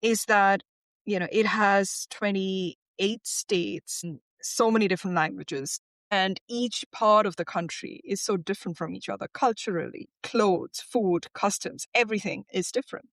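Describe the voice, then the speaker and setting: Woman lawyer, reflective interview guest, close dry sound, mid pitch. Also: measured pace, no echo. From India. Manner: thoughtful, frequent restarts. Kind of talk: podcast interview.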